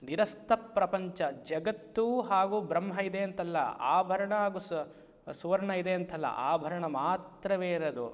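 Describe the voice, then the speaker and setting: A man, a spiritual teacher giving a Vedanta discourse, who stretches key phrases slowly and keeps asking his listeners rhetorical questions. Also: high-pitched, long reverb tail. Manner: slow, drawn-out emphatic phrases and frequent rhetorical questions.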